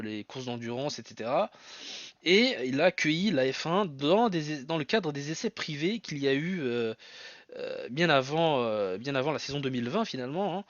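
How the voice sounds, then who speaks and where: With a medium-pitched voice on a dry, lo-fi recording, a podcast host talks alone on his own show. Portuguese is his mother tongue, and his speech is hesitant, packed with fillers and false starts.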